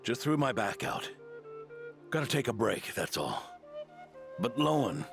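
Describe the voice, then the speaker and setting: An actor playing an older knight with sore muscles and a bad back, weary but reassuring, in fantasy game dialogue. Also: male voice, mid-range voice, very animated, unhurried, vocal fry. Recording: music behind the voice.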